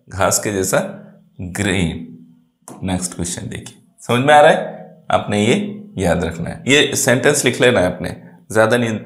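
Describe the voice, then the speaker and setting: A man's voice: lowish voice, fairly bright tone. A man teaching an exam-prep lesson, explaining English words in Hindi and quizzing his pupils. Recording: echoey room.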